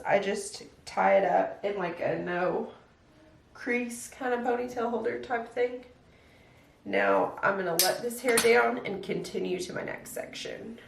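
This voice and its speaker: Her voice fairly high and gravelly, a young woman who stays home with her kids walks through her get-ready-with-me routine step by step. It's a relaxed, chatty how-to full of "like", recorded in an echoey room at home with slight background noise and her voice somewhat distant.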